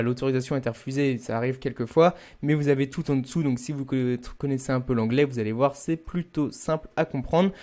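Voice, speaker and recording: Young adult man, relaxed hesitant tutorial delivery, slightly high. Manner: casual, many "euh" fillers, addresses viewers as "vous". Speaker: student fitness youtuber. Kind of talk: screen-recorded software tutorial.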